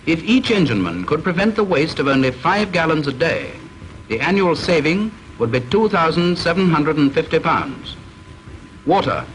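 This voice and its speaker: A man with a British accent narrates a training film from a formal script, sounding measured, stern and instructive. His fairly high voice has a sing-song quality. The recording is rough, with the faint hiss of a vintage soundtrack.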